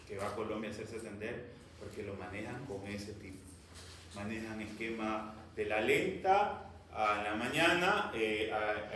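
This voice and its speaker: The speaker is a man giving a medical classroom lecture who occasionally reprimands his students sternly. He has a medium-pitched, somewhat bright voice. The far-off recording carries classroom echo plus a little hiss or hum.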